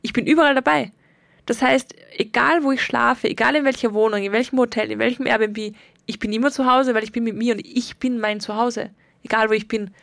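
Young woman, podcast host; reflective, earnest monologue, slightly high voice, dry close sound. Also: steady tone, a little fast, gravelly, fairly bright tone, no room sound. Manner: earnest, reflective, stretches words for emphasis.

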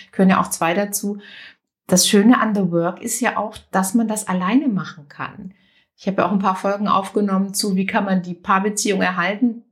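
A woman podcast host leads a casual interview at a middle pitch, steering the talk with friendly, guiding questions. Her delivery is conversational and natural.

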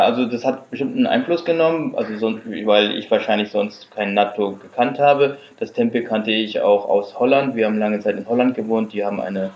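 Lower-voiced guy explaining stuff on a podcast, some ums, echoey room, muffled lo-fi sound. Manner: explanatory, hesitant with fillers. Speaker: guest, fermentation producer. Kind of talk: casual interview. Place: his workshop.

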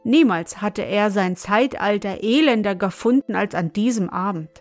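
A woman narrating an audiobook story in a measured storytelling manner. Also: medium pitch. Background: faint music.

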